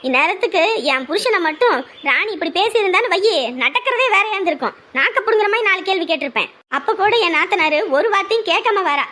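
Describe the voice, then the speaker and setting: A woman's voice: extremely high pitch, lively intonation, quick pace, bright, forceful tone. A woman, fiercely scolding in a family drama. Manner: lamenting then fiercely scolding. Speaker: wife of the brother, sister-in-law of the bride's side. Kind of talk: rural family drama acting.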